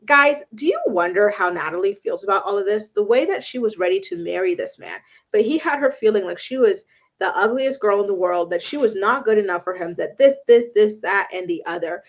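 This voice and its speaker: With lively intonation and a brisk pace, a mid-range female voice delivers celebrity gossip. She's casual and opinionated, dropping "um" and "like" again and again.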